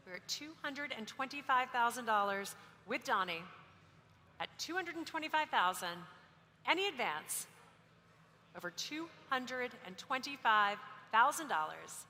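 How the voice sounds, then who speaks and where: High, bright woman auctioneer calling bids. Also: sing-song, a little slow. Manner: auctioneer's repetitive calling of figures, courteous. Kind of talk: live auction bid calling. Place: large auction hall. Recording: echoey hall with background noise.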